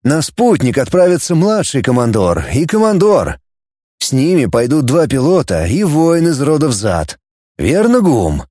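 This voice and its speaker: Brief: man reading a cool male commander, wry and teasing, lively inflection. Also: fairly high pitch, a little slow, no room sound, exaggerated voice. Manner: dry, gently teasing.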